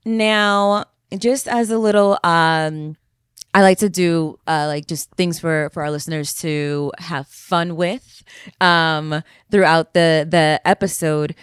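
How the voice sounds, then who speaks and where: A woman's voice: deep voice, fairly even intonation, slow, smooth, no room sound, clean studio sound. A woman co-hosting a podcast, asking questions and encouraging her guests with frequent agreeing murmurs. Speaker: podcast co-host. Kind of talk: interview hosting.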